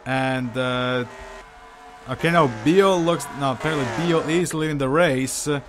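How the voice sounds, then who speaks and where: A man giving live sim racing commentary, hesitant and full of fillers, unsure of the order and bursting into excitement at incidents. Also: medium pitch, unhurried, background noise. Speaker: race commentator.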